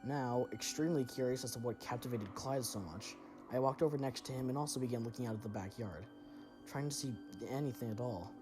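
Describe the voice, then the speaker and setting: A man's voice: medium pitch, a little fast. Guy telling a scary story first person, dramatic and tense, music playing behind. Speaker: narrator.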